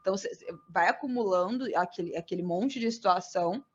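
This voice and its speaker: A woman's voice: medium pitch, fast talker, breathy edge, dull audio. A woman guest on a casual podcast, talking emphatically and repeating words for stress.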